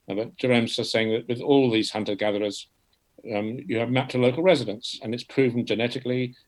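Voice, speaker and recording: This man explains an idea at an even pitch. He speaks in an ordinary middle register and often repeats a word as he restarts a sentence, in a loose seminar discussion. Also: poor audio. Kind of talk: academic discussion.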